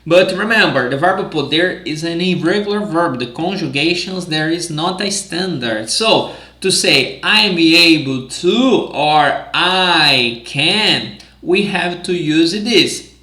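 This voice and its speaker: A Brazilian man with a Brazilian Portuguese accent, teaching a language lesson and speaking the drill sentences slowly and carefully. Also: fairly high pitch, lively intonation, bright, forceful tone, roomy sound. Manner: slow, careful drills in Portuguese, with upbeat English asides.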